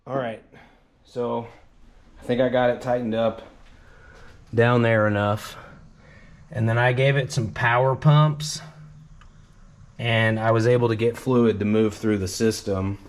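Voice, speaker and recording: A man's voice: medium pitch, fairly even intonation, unhurried, long pauses. A man hosting his garage channel, rambling casually and joking at himself as he works on a car. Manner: rambling, self-deprecating, talks while wrenching. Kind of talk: casual work-along narration. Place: home garage, at and under a car.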